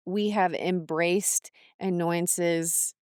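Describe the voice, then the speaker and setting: Woman, middle-aged, podcast co-host, casual faith chat, smooth voice, dry sound, laughs often. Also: on the low side, drawn-out words, no echo. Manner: animated, laughing, playful asides.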